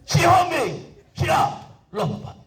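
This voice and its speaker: A man voicing a bossy army commander who barks orders in a shout. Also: very high-pitched, big pitch swings, drawn-out words, pitched above the performer's own voice, heavily acted. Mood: barking. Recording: echoey hall, distant mic, crowd noise.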